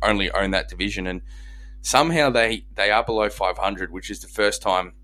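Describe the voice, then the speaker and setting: A man's voice: lowish voice, moderate pace, sharp tone, low-quality recording. A man with an Australian accent hosting a casual sports discussion podcast.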